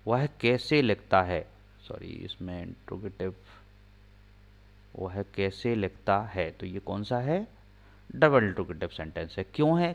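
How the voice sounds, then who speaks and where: A man's voice: lowish voice, vocal fry. Male grammar teacher, patient explainer who dictates sentences word by word and answers his own questions, dull lo-fi recording. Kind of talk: classroom-style explaining lesson.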